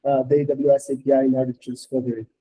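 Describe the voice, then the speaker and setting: A man on a video call asking questions in a casual technical meeting, halting with many restarts, his audio garbled and robotic. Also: level tone, mellow. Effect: garbled, robotic low-quality call audio.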